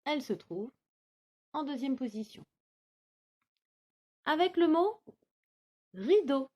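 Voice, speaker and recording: Slow, lilting woman teaching phonics. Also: high-pitched, very animated, darkish tone, dull audio. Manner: slow, clearly articulated, syllable by syllable. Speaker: kindergarten teacher. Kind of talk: recorded remote phonics lesson for young children.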